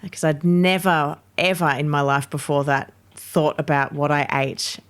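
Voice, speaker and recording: A middle-aged Australian woman with a low voice recounts her experiences in a candid, energetic way. She sounds like a guest on an interview podcast. Her delivery is conversational and unscripted. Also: moderate pace, smooth.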